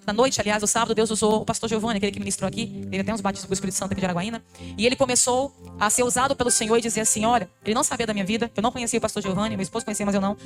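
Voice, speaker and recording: A Brazilian woman missionary giving a fervent, emotional testimony to a church congregation, calling them brothers. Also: a little high. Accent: Brazilian Portuguese. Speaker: missionary preacher.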